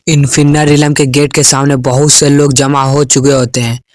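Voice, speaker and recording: A man's voice: mid-range voice, flat delivery, moderate pace, no echo, clean studio sound. A man narrating a comic story recap in a storytelling voice and reading the characters' lines himself. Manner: reads all characters' quoted lines in his own voice.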